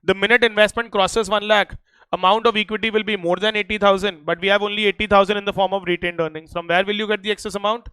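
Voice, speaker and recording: A man's voice: sits high, flat delivery, quick pace, bright, forceful tone, smooth, no echo. A man with an Indian accent giving a classroom revision lecture as a teacher, emphatic and often checking that students follow. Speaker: accountancy teacher.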